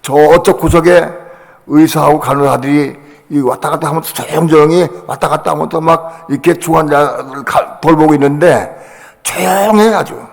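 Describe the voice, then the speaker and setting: An older man, a pastor, telling a personal story in a sermon, acting out other voices with sudden loud bursts. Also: fairly high pitch, moderate pace, gravelly. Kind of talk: sermon testimony. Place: church sanctuary. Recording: long hall reverb.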